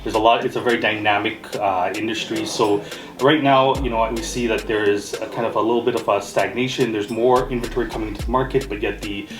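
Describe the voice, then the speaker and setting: A mortgage brokerage owner born in Trinidad and raised in Canada from age eight gives earnest, rambling interview answers full of "you know" and "right?". His fairly low voice is steady and quick, recorded with a roomy echo and music behind.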